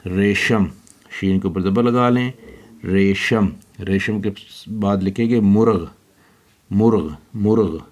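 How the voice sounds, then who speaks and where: A man teaching children handwriting, slowly spelling out letters one by one. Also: fairly low pitch, darkish tone.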